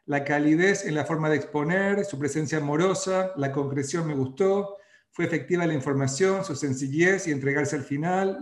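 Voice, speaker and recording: Man in a roomy space. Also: fairly high pitch. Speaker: webinar host. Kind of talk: online webinar reading feedback and teaching. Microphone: video call.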